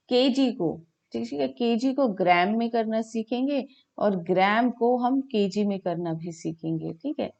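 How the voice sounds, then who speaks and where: A woman's voice: on the high side, gravelly, a little mellow. Woman teaching a maths class. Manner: repeats "ठीक है" often, mixes Hindi and English, asks and answers her own questions. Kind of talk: online class lesson. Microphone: video call.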